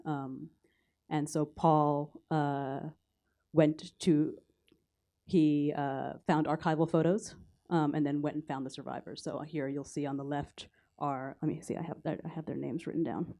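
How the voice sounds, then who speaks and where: A woman with an American accent speaks as a photo editor on a conference panel. Her voice sits low and mellow, and her delivery stays level and low-key. She walks through slides haltingly, stopping now and then to find her notes. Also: steady tone. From United States. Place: university conference hall.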